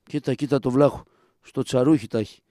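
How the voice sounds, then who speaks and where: A man voicing a cheeky, quick-witted male trickster in a traditional shadow-puppet play, wisecracking and sly. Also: mid-range voice, fairly even intonation, warm tone, no echo, studio quality, lightly acted. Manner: wisecracking, sly, mock-complaining.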